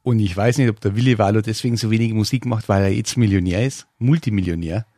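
A man's voice: on the low side, quick pace, mellow, no room sound, clean studio sound. A man hosting a late-night radio quiz, teasing his co-host and speaking straight to the listeners. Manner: teasing, addresses listeners directly. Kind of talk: joking radio banter.

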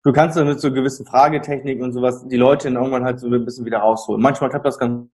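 Husky-voiced man telling care stories. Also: medium pitch, racing. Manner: animated storytelling, acts out quoted people. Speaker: palliative care service provider. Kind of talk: conversational interview.

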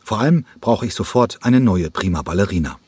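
Brief: man playing a driven ballet director in an audiobook; emphatic, impatient, a touch raised and husky. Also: fairly low pitch, lively intonation, fairly quick, darkish tone, no room sound. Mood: urgent, pleading. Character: driven male ballet director, urgent and persuasive. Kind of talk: audiobook reading.

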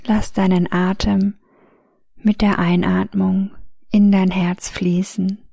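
A woman narrating a guided meditation in a soft, soothing, gentle voice with long pauses. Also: medium pitch, little pitch movement, creaky, husky, no echo, clean studio sound.

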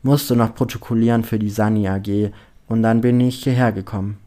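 A man's voice: fairly low pitch, steady tone, brisk, dark tone, natural voice. A shy, awkward young man who gives short, hesitant answers, as a male narrator plays him. It is close to the narrator's own voice. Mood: reluctant.

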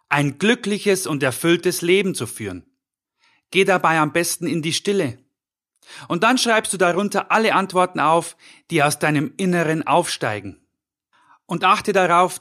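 A middle-aged man with a fairly high voice delivers a scripted motivational podcast talk as a life coach. He speaks directly to the listener, earnest and encouraging. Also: bright, forceful tone.

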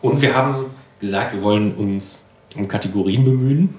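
A man's voice: on the low side, moderate pace, darkish tone, roomy sound. A man co-hosting a casual podcast chat, rambling and self-deprecating with many fillers. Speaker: podcast co-host. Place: apartment room.

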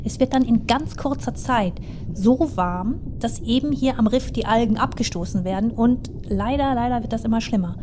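A woman's voice: fairly high pitch, moderate pace, noisy background. A woman co-hosting a travel podcast, explaining in an engaged, conversational storytelling manner. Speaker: co-host.

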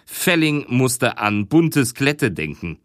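A man narrating a crime audiobook in a measured, expressive storytelling manner. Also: mid-range voice, no room sound, studio quality. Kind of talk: scripted narration.

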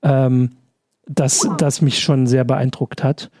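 Mellow-voiced man hosting a livestream. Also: medium pitch, level tone, takes it slowly. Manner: rambling questions with fillers. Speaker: livestream host. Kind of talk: live interview hosting.

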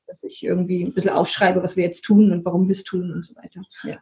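A woman's voice: on the low side, level tone, quick pace, dark tone. A middle-aged woman speaking in a casual podcast chat, talking things through in a reflective way and laughing often. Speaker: podcast guest, wife.

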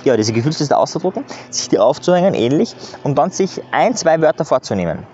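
A man's voice: a little high, expressive, fairly quick, dark tone, slight background noise. Earnest man giving coaching tips. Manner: earnest, coaching, often says "ja". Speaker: self-improvement coach. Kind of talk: casual motivational monologue. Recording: slightly dull recording.

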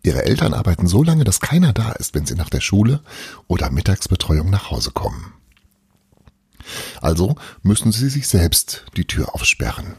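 Deep, husky male storyteller. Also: moderate pace, no echo, clean studio sound. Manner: expressive storytelling with sound words and hushed suspense. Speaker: narrator. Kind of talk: children's audiobook reading.

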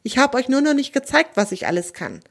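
A woman voicing a calm magic motorcycle. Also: high-pitched, brisk, vocal fry, pitched above the performer's own voice, exaggerated voice. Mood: reassuring. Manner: calm, reassuring.

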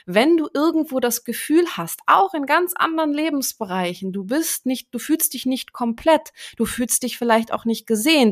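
A woman who works as a coach, talking earnestly in a casual podcast conversation and explaining ideas directly to the listener. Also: fairly high pitch.

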